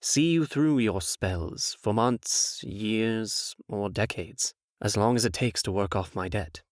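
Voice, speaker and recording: A man playing a suave, vain, scheming fairy-tale prince in a comic dub, smooth-talking, theatrical and falsely humble. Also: lowish voice, slow, no echo, studio quality. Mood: falsely contrite.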